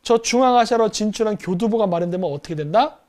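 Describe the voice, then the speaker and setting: A man's voice: sits high, expressive, fast talker, darkish tone. A middle-aged man hosting a commentary show, lecturing animatedly and acting out quoted exchanges between countries. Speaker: host.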